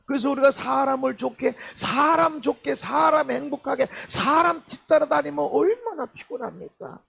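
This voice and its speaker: A middle-aged male pastor preaching a sermon, swinging from loud exhortation to low muttered asides and acting out the people he quotes. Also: animated, moderate pace, creaky.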